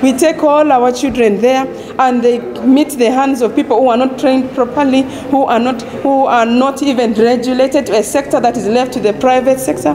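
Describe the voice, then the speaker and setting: A woman's voice: high-pitched, steady tone, normal speed, few pauses, a crowd in the background. A woman speaking urgently and insistently to press microphones in an office. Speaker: interviewee. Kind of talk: press interview. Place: indoor office. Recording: echoey room.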